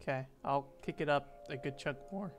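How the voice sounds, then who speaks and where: A man streaming a game, talking casually with relaxed asides to his viewers. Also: mid-range voice, normal speed, music in the background. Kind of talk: casual gameplay commentary.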